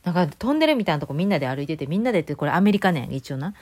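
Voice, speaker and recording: Chatty Kansai woman, quick and rambling. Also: sits low, no room sound. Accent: Kansai Japanese. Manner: chatty, rambling, lively storytelling with many fillers. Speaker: vlogger. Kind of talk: casual solo chat. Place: home.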